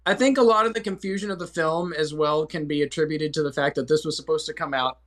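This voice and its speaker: A man chats with friends on a show, working through his thoughts with many restarts. His voice sits a little higher than most men's. He is thoughtful more than quick. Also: fairly bright tone. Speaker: show panelist. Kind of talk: casual chat among friends.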